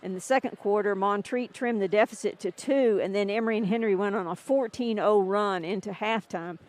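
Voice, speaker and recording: A woman's voice: mid-range voice, a little fast, darkish tone. Woman radio announcer reading off stats. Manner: chatty, rattling off game stats. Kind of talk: radio game broadcast, filling a delay.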